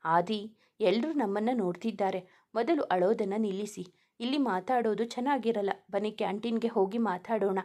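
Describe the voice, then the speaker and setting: A woman's voice: mid-range voice, brisk, warm tone, lightly acted. A woman voicing a caring young man who reassures his friend in a soothing way. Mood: concerned.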